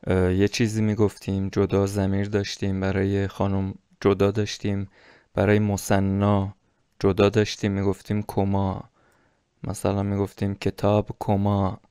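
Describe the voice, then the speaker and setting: A man teaching a recorded lesson, explaining patiently and repeating example phrases slowly and clearly. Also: lowish voice, warm tone, dry recording, clean studio sound. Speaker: Arabic dialect teacher.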